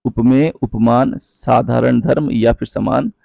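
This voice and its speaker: A man teaching a Hindi grammar lesson, explaining patiently, checking in with his viewers often and reciting verse lines slowly. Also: medium pitch, fairly even intonation, vocal fry, mellow, dry recording, lo-fi sound. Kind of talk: online exam-prep lesson.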